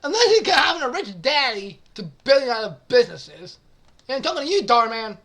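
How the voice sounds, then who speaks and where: A woman hosts a casual reaction commentary on forum posts. Her voice sits a little high and swings widely in pitch. She talks crudely, swears freely, giggles often and keeps saying sorry. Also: sing-song, brisk, fairly bright tone. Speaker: channel host reading forum posts.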